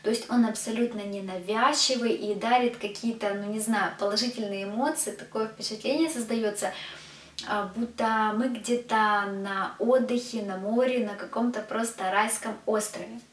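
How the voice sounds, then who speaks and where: A woman's voice: fairly high pitch, fairly even intonation, normal speed. Chatty woman vlogger in an echoey room. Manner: chatty, addresses viewers as girls. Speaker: beauty vlogger. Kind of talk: product review. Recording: echoey room, distant mic.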